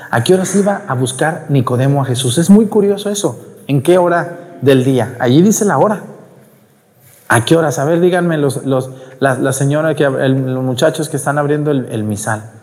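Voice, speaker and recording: A priest with a Mexican accent preaching a homily at Mass, talkative and scolding, firing rhetorical questions at the congregation. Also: male voice, a little high, a little mellow. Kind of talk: Sunday-style homily at Mass. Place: church during Mass. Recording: long church reverb.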